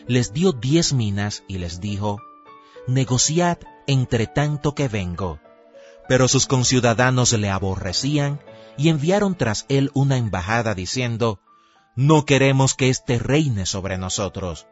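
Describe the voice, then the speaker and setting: Solemn male biblical epic narrator, dull recording. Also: mid-range voice. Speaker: Bible narrator. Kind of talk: scripted scripture narration in the manner of a biblical epic. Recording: dull lo-fi recording with music behind. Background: music.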